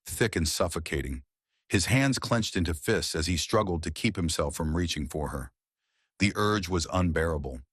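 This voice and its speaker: A man narrating a romance story in a measured, dramatic storytelling manner. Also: low voice, husky, dry recording, studio quality.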